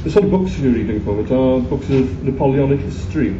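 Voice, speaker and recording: A man interviews a guest in a radio-style format, his mid-range voice moving at a quick pace. He keeps stumbling into restarts and fillers, and the echoey recording sounds muffled and distant with loud room noise.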